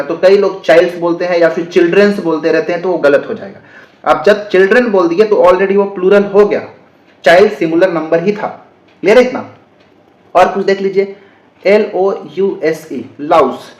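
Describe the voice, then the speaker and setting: A man with a fairly high voice gives a patient, step-by-step grammar lesson to exam students. He spells words out letter by letter and keeps checking that everyone follows. The sound carries a noticeable room echo. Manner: explains slowly, spells words letter by letter, repeats and checks understanding. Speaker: exam-prep English grammar teacher. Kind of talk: classroom-style grammar lesson.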